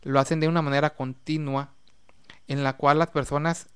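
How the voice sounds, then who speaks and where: A man's voice: fairly high pitch, little pitch movement, moderate pace, fairly bright tone, clean tone. A man co-hosting a religious talk program, explaining at length with long lists and rhetorical questions. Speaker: co-host of a religious discussion program. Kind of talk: casual religious discussion.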